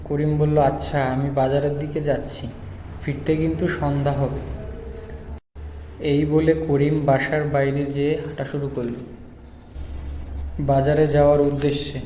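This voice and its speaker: A man's voice: a little high, dark tone. A man narrating a scripted cartoon story as a storyteller. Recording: roomy reverb, faint background noise.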